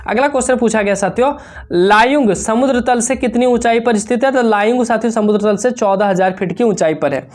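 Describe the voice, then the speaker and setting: A woman with a somewhat high voice runs an exam revision lesson, reading out one question after another and answering it straight away. She keeps calling out to her students and leans on repetition and playful tricks to make the answers stick. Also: a little mellow. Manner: rapid question-and-answer drilling, constantly addressing students. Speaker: exam coaching teacher.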